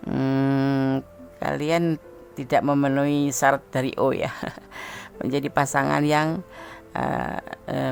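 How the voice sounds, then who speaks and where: Woman, slightly hoarse, casual tarot reading, rambling with fillers, very low voice. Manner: chatty, thinking aloud with fillers and restarts. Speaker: tarot reader.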